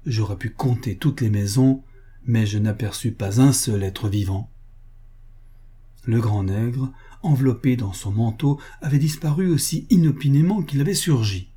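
A man reading a literary tale aloud as narrator, measured and expressive. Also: medium pitch, husky. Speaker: audiobook reader.

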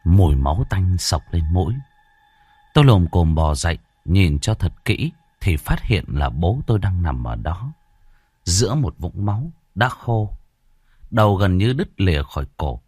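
A man narrating an audio horror story in an expressive, dramatic way into a close mic. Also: deep voice, a little slow, husky, no room sound.

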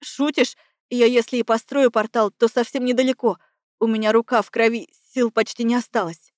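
A woman's voice: a little high, fairly even intonation, normal speed, no room sound, clean studio sound, natural voice. A woman voicing a wounded, frightened young man who protests anxiously. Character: wounded, frightened young male portal mage.

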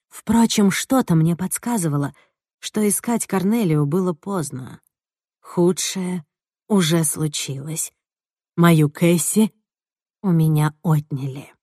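A woman narrating a detective story in the first person, in a measured, wry reading. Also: lowish voice, a little mellow, dry recording, studio quality. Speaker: audiobook narrator.

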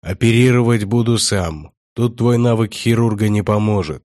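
A man's voice: darkish tone, no room sound, studio quality, close to an everyday voice. A man doing a stern grey-haired warrior-prior. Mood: stern commanding. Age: older. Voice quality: deep bass. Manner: gruff, barking orders, slow and weighty. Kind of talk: audiobook character voice.

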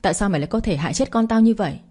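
Woman voicing enraged grieving young wife, fast accusing rant, mellow husky voice, audio story. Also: medium pitch, lively intonation. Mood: furious. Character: grief-stricken young wife, furious at her betrayer.

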